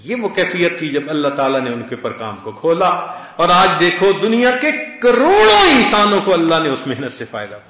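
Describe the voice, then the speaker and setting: A man's voice: on the high side, wildly swooping pitch, few pauses, sharp tone. A man giving a sermon, telling a story and quoting scripture in Arabic. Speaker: religious scholar. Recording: echoey dull lo-fi recording.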